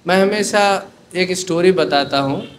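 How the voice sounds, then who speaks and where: A male preacher with a high voice tells an animated story during a sermon, often dropping English phrases into his speech. There is faint noise in the background. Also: a little slow.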